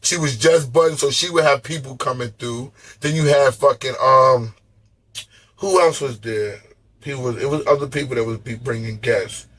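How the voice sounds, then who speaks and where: Raspy, stammering man telling street stories. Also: mid-range voice, normal speed. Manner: loose, profane, animated storytelling with slangy street talk; stammers and repeats words. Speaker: podcast guest. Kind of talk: casual storytelling interview.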